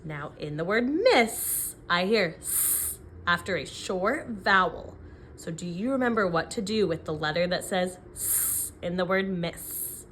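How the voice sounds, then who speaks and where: A woman with a slightly low voice teaches phonics by dictating at an unhurried pace. She breaks words into letters and sounds with care, in an instructional way, often checking in with a question. Faint noise sits behind her voice. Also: fairly bright tone. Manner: sounds out letters and syllables deliberately. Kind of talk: dictating sentences slowly, word by word.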